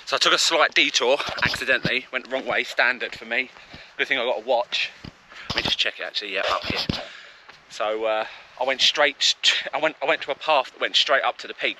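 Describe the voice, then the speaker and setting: A man's voice: mid-range voice, background noise. A man filming himself as he climbs a steep mountain trail outdoors, out of breath and jittery, exclaiming about the heights. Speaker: vlogger. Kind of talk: casual vlog narration while hiking.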